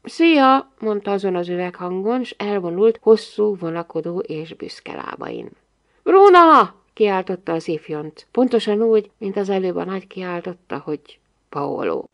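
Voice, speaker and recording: A woman narrating an audiobook in the first person, wry and lively. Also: fairly low pitch, few pauses. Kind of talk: storybook narration.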